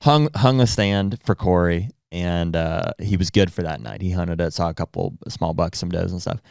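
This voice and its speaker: A man's voice: low-pitched, moderate pace, gravelly, a little mellow, no room sound, clean studio sound. A man guest on a podcast, a hunting guide telling a rambling anecdote in casual chat, acting out what people said. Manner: rambling anecdote with acted-out quotes. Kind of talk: casual storytelling.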